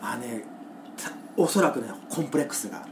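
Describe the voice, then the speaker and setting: A woman's voice: very deep voice, expressive, a little fast, noisy background. A woman from Kagoshima hosting a podcast, reading out listener poems and explaining local dialect words, laughing often. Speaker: podcast host. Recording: roomy echo.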